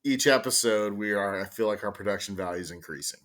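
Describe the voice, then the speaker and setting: Low-voiced man, earnest podcast co-host. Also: fast talker, fairly bright tone. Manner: earnest, announcer-like sign-off. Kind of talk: casual podcast chat.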